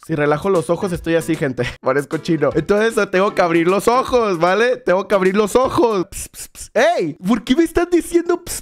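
A young Mexican man streaming casually, excitable and profane, yelling at chat then mumbling quietly. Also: a little high. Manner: excitable, swears often, shouts at chat then drops to mumbling. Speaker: VTuber streamer. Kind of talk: casual streaming chat, showing a new avatar.

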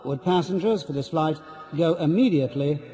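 A man's voice: fairly high pitch, moderate pace, warm tone, in a large hall. A man reading a formal boarding call over an airport intercom. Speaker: airport announcer. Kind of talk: scripted textbook announcement.

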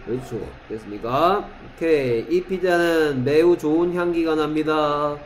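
Slow-talking man teaching a class. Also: fairly high pitch, slight background noise, low-quality recording. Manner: keeps checking understanding with short questions; reads English example sentences slowly for the class. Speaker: English teacher. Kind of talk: classroom lesson.

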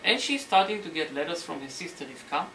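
A man lecturing on history as a story, animated and sometimes searching for words, acting out the quotes. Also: on the high side, a little fast. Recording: roomy hall, mic at a distance, faint noise.

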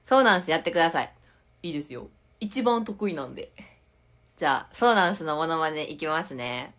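A woman's voice: low voice, expressive, fairly quick, fairly bright tone. A young woman with a Tokushima dialect, chatting casually on a live stream and reading viewer comments aloud with frequent giggles. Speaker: idol livestreamer.

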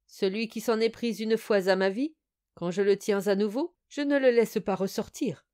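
A woman voicing a cheerful, clever young male student in an audio fairy tale, eager and quick-witted. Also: medium pitch, warm tone, natural voice.

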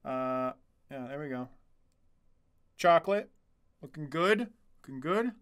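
Seated near a desk mic in a small, dimly lit room, a twenty-something game streamer gives casual commentary, reading chat with jokes and swearing. His slightly high voice is clean, a bit bright, animated, and a touch slow.

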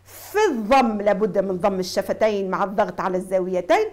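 A woman with a Tunisian accent teaching Quran recitation on TV. She explains the rules and then stretches each syllable slowly to demonstrate. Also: mid-range voice, a little mellow. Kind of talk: TV recitation lesson.

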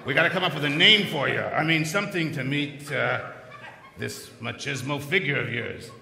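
A middle-aged man doing live comedy patter as a ventriloquist, projecting like a showman with deadpan setups. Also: mid-range voice, moderate pace, creaky, a little hiss or hum. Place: large theatre stage. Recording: echoey theatre PA, long reverb.

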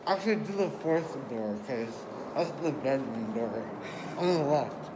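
A groggy man in his twenties talks in a casual vlog style with a mid-pitched voice. His words are muffled by gauze packed in his mouth after dental surgery, and he rambles and repeats himself. It is a handheld phone recording with faint noise. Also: lively intonation, unhurried. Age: 20s. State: groggy just after wisdom tooth surgery. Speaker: vlogger, military crew chief. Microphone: phone at arm's length.

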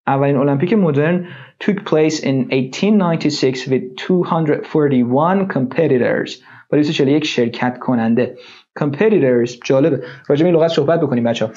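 A man's voice: fairly high pitch, darkish tone, highs cut off. A man teaching English vocabulary in an online lesson, explaining and repeating words with lots of fillers.

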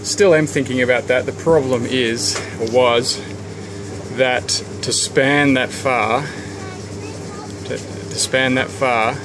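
A homeowner films a renovation tour on a handheld camera he holds himself, walking outdoors under a deck and through a garden. His medium-pitched voice is relaxed and slow, and he keeps pausing to rethink and start sentences over. A faint hiss runs beneath the recording.

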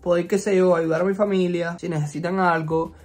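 A young Cuban YouTuber with a high-pitched, slightly fast voice and a Cuban Spanish accent tells a story in a casual vlog from a resort vacation rental. He's chatty and expressive, full of fillers and playful sass.

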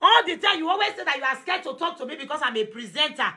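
A woman with a Nigerian accent hosting a live video call, animated and confrontational, mixing Pidgin English. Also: sits high, quick pace. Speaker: talk show host.

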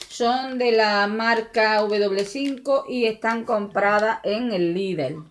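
Chatty Andalusian woman showing a shopping haul. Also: medium pitch. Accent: Andalusian Spanish. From Andalusia, Spain. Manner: chatty, jokey, talks to viewers as friends. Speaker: vlogger. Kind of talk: casual shopping haul vlog. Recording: faint background noise.

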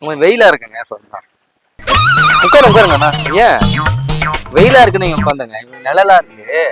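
This is a man with a Tamil accent doing prank banter outdoors on a park bench, grumbling and complaining at the people around him. His voice sits high and swoops a lot, and he talks fast. Music plays behind him. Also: big pitch swings. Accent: Tamil Nadu. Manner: complaining, grumbling and ranting loudly. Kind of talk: hidden-camera prank banter.

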